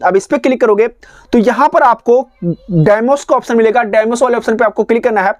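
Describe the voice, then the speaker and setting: Speaking briskly in an extremely high voice, a man hosts a phone tutorial and explains each step in turn. His phrasing is repetitive and instructional, and he often restates what to do. It's a dry recording with very little room sound.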